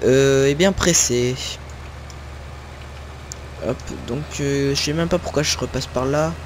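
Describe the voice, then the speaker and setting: Faint tractors and farm ambience from the game sit behind this young northern French video creator as he loosely narrates his own play for viewers, full of fillers and self-corrections. His slightly high voice comes with a little hiss or hum.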